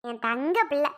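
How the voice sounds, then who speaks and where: Casting: woman playing a gentle cartoon aunt, high bright voice, soothing and motherly. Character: kind middle-aged aunt, soothing and patient. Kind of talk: cartoon voice acting.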